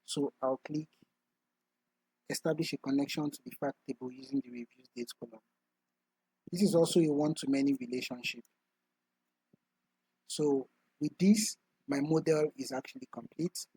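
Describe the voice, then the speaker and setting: A man talking through a screen-recorded software tutorial step by step, in a methodical way. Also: on the high side, normal speed, pauses often, husky, no echo, low-quality recording. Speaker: tutorial instructor.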